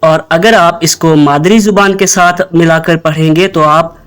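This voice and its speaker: Guy teaching word pronunciation, talks real slow, slightly high voice, repeats stuff so you say it back. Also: fairly even intonation, a bit bright, clean tone. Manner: patient, repeats each word slowly for listeners to echo. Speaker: host and English pronunciation teacher. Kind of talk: scripted pronunciation lesson.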